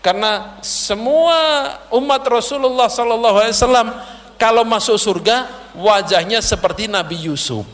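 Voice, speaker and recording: A man's voice: high voice, moderate pace, fairly bright tone. A man preacher telling a dramatic sermon story in a prayer hall, addressing the audience directly. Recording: long hall reverb.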